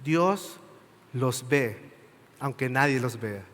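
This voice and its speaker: A man's voice: mid-range voice, animated, slow, fairly bright tone. A man preaching a sermon, earnestly asking his congregation direct questions and checking in with short tag questions. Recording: reverberant church hall.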